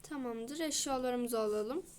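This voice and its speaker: A woman voicing a calm hairdresser mother in a toy role-play, talking in a matter-of-fact way. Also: on the high side, unhurried.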